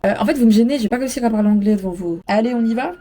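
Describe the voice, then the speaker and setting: A young woman talks to her camera from her bedroom, joking at her own expense and cursing freely. Her voice sits fairly high, and light music plays softly behind her. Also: rapid-fire. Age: young adult. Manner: self-mocking, swears, exclaims loudly. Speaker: student vlogger. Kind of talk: casual vlog chat. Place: bedroom at home.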